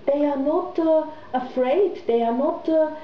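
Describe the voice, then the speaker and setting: A woman's voice: sits high, measured pace, slight background noise. Woman, hesitant, roomy sound. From Austria. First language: German. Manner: hesitant, many fillers and restarts. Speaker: interviewee, businesswoman. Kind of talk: conversational interview. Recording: roomy, slightly muffled recording.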